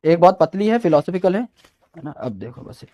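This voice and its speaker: Teaching exam students in a relaxed advice session, a man speaks fairly quickly in a mellow voice on the high side with big pitch swings. He's chatty, blends English phrases into his Hindi, and addresses listeners as "brother."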